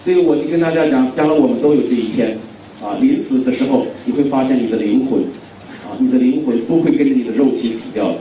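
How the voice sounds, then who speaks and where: A middle-aged man from China preaches with a mellow, dark voice, driving his points home by repeating them and questioning the crowd. He sounds set back from the microphone, and his words ring through a very reverberant hall with faint noise underneath. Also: medium pitch, quick pace. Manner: emphatic, repeats key phrases, asks the audience questions. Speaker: guest preacher. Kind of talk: sermon. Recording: very echoey hall, distant mic.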